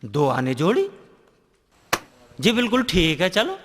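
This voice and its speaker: A man's voice: sits high, wildly swooping pitch, slow, a bit bright, big-room sound, slight background noise, full character voice. A man playing a naive, boastful, jobless young fool in a comedy sketch. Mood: joking.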